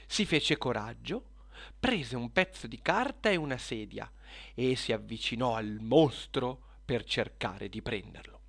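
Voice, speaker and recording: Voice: mid-range voice, vocal fry. A storyteller reading a children's story aloud with expression. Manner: expressive, unhurried.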